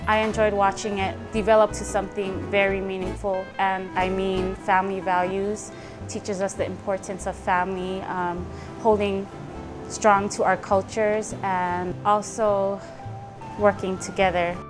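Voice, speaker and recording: A young woman from Fiji, a student lighting technician, speaks in a soft, filler-laden documentary interview. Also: mid-range voice, level tone, unhurried. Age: young adult. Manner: soft-spoken with frequent "um" fillers. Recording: music bed under the voice.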